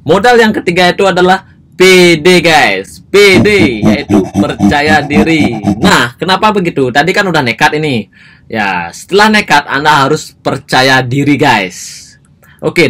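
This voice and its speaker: Husky guy from bali doing a chatty advice vlog, keeps saying guys, voice jumps way up to make a point. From Bali, Indonesia. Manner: animated, keeps addressing viewers as "guys", pitch jumps up for emphasis. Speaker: vlogger giving advice on speaking English. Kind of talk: casual advice talk to camera.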